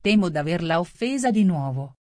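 A woman's voice: lowish voice, expressive, moderate pace, a little mellow, dry recording, clean studio sound, close to an everyday voice. A woman voicing a polite, curious little girl in a storybook reading, coaxing and chatty.

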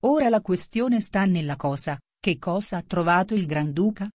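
A literal-minded duck who picks at every word, as a woman reader puts her on. The voice is low-set, dry and close. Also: lively intonation, moderate pace, a little mellow, no echo. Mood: quibbling.

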